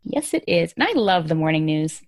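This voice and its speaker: A woman gives casual news commentary as a podcast host. She is informal and emphatic, with a gravelly creak in a slightly low voice. The recording is dry and close. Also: big pitch swings, a little fast, no room sound.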